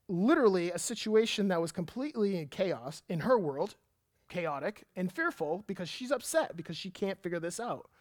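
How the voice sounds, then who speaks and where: A man in his thirties, a pastor, preaching a sermon and telling a lively personal story with emphatic delivery. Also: sits high, no room sound, studio quality.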